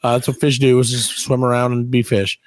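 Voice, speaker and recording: A man co-hosting a comedy podcast tells casual, joking stories, acting out bits of dialogue and swearing freely. He speaks at medium pitch with a flat delivery and a slightly fast pace.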